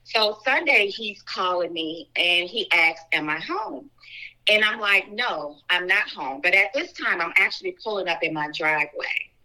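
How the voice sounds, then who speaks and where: A woman guest in an interview telling a personal story in an earnest, fast way, full of "like" and "so". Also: fairly low pitch, expressive, pushed and bright, low-quality recording. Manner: earnest, talks fast with frequent "like" and "so".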